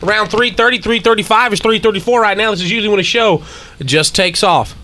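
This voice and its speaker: A man's voice: high voice, fast, bright, forceful tone, a little hiss or hum. A man co-hosting a late-night radio talk show, laid back and slangy in casual banter.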